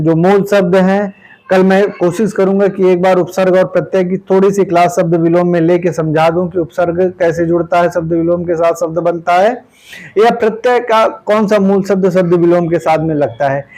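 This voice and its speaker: Patient, fairly high-voiced male Hindi teacher. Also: darkish tone, poor audio. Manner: repeats words slowly, tags lines with "ठीक है"; plain, patient explaining with everyday examples. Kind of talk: exam-prep grammar lesson.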